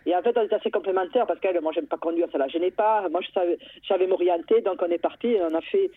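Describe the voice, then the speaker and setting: Fast-talking woman on a tinny phone line. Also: fairly low pitch, husky, no room sound. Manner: lively, with frequent restarts. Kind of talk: telling a personal story.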